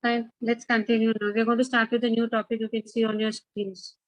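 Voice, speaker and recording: A woman's voice: on the high side, little pitch movement, brisk, no echo, poor audio. A woman with an Indian accent, a school teacher instructing an online class, repeating herself and checking in with questions.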